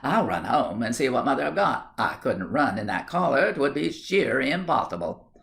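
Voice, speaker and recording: A man playing a good-natured young village lad, blunt and chatty. He talks in broad rustic country speech with a joking streak, his delivery lively and full of swings, with a slightly gravelly edge. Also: medium pitch, moderate pace, pitched above the performer's own voice. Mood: eager.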